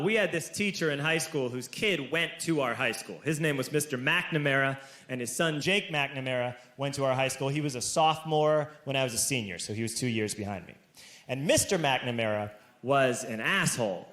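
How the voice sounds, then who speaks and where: A man doing stand-up storytelling at a live comedy venue, animated and building to shouted punchlines. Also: mid-range voice, normal speed. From United States. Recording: roomy live recording with background noise.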